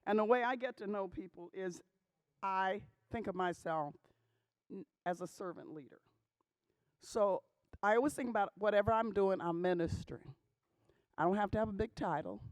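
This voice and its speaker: Addressing pastors in an emphatic church talk, a woman leaves long pauses, asks rhetorical questions and keeps checking in with "okay?". Her mid-range voice holds a moderate pace, and no room sound is audible.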